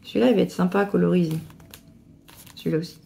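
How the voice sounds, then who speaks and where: A middle-aged woman gushing excitedly as she unboxes a craft parcel, with stumbling restarts. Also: lowish voice, fast talker, gravelly, a little hiss or hum. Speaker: crafting vlogger. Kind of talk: casual unboxing chat.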